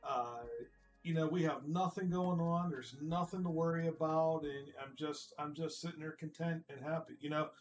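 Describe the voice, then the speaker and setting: A man with a voice a touch higher than most talks in a loose, rambling way, restarting sentences and slipping into quoted back-and-forth. It is relaxed group chat on a stream, with faint music underneath. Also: normal speed. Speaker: community founder.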